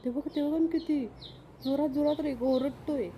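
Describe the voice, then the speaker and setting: A woman vlogging at home in casual chat, excited and playful as she talks to her viewers. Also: sits high, normal speed, a little hiss or hum. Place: home with a sofa.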